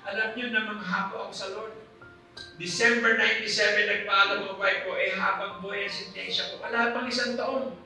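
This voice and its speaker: A man's voice: high voice, flat delivery, brisk. A middle-aged man giving an earnest, emotional religious testimony to a congregation, speaking politely to his listeners. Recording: echoey hall with music, from far off. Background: soft instrumental music.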